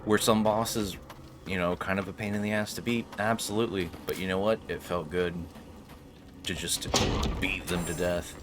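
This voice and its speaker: This deep, steady male voice comes at a normal speed over a noisy background. He's hosting a gaming video, trading wry, playful jokes in laid-back let's play commentary and reading the game's text out loud.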